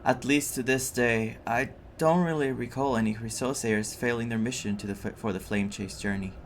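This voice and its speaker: Casual reaction commentary on a story game comes from a man streamer with a mid-range voice at normal speed, who repeats himself with theatrical exasperation. A little hiss or hum is audible.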